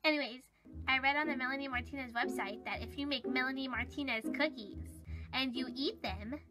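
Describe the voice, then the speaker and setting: A woman's voice: sits high, fairly quick, over music. A woman play-acting several toy characters in a melodramatic way.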